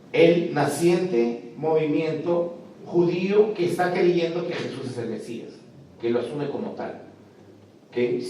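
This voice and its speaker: A man's voice: a little high, warm tone. A man teaching a class on biblical texts, speaking emphatically and putting rhetorical questions to the students. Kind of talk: classroom lecture. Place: lecture hall. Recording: echoey room, distant mic, faint noise.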